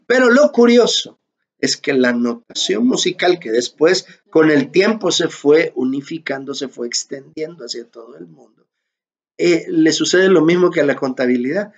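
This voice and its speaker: A man teaching a music class in a slow, explanatory way, often checking in with his listeners. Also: sits high. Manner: slow, explanatory, repeats "¿verdad?" to check understanding. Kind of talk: online lecture. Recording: dull lo-fi sound.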